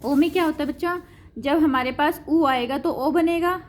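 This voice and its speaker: A woman's voice: high-pitched, normal speed. A woman teaching a grammar lesson to school pupils, patiently repeating each example and addressing the pupils as children.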